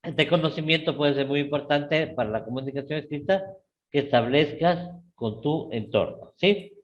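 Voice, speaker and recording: A middle-aged man with an Ecuadorian Spanish accent teaching a live class, often checking in with his students and rising sharply in pitch on key words. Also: normal speed, dull audio. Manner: repeats "¿sí?" and "¿no es cierto?" to check on students; lively, with sudden rises in pitch.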